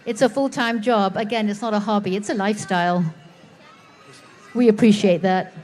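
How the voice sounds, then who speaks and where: A woman's voice: mid-range voice, fairly even intonation, moderate pace, a little mellow, faint music behind. A woman co-announcing a live parade, addressing the crowd in an appreciative way. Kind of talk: live event commentary.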